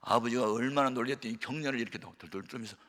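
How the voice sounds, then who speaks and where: A man preaching as a pastor, telling a testimony sermon with dramatic storytelling, acting out voices and shouting at the peaks. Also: mid-range voice, racing. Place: church hall of a prayer retreat. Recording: reverberant large hall.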